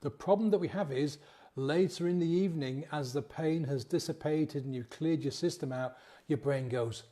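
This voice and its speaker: A man's voice: on the high side, moderate pace, dark tone. A man in a casual motivational talk as a sobriety coach, acting out inner voices and checking in with "yeah?". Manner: conversational, acts out inner voices, frequent "yeah?" tags.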